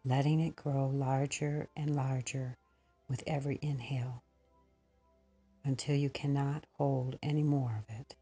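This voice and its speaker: In a slow guided meditation, a woman speaks in short phrases separated by pauses, her breathy, husky voice often dropping close to a whisper. Her pitch is extremely low and her tone is warm.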